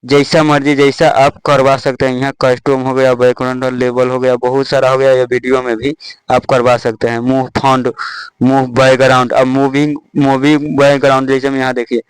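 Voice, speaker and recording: A man's voice: medium pitch, monotone, a little fast, clear, resonant tone, dry recording, poor audio. A young man casually walking viewers through an app, step by step, with lots of "dekhiye" and "thik hai". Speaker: tech tutorial host. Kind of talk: casual screen-recorded app tutorial.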